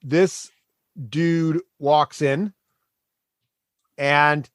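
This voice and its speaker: A man running a tabletop game, narrating casually and haltingly as he thinks aloud as game master. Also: a little high, fairly even intonation, a bit bright, smooth, no echo, clean studio sound.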